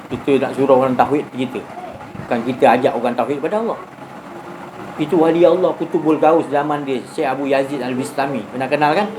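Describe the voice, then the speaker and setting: A man with a Malaysian Malay accent, a religious teacher preaching in a conversational style, asking his listeners rhetorical questions. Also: medium pitch. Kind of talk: sermon. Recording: noisy recording.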